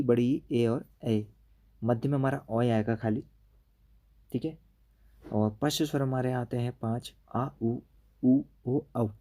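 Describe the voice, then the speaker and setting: A man's voice: medium pitch, dark tone. A man teaching an exam-prep grammar lesson, explaining step by step and checking in with "okay" after each point.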